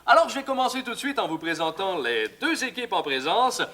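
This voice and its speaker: A chipper Québécois TV quiz host oozes showbiz bounce. His voice sits very high and shines bright, swooping up and down through every line of the sketch parody. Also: sing-song, brisk, full character voice. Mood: chipper showman. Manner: bouncy, exaggerated showman delivery. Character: smarmy male TV game show host, chipper. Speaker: game show host. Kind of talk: sketch comedy game show parody.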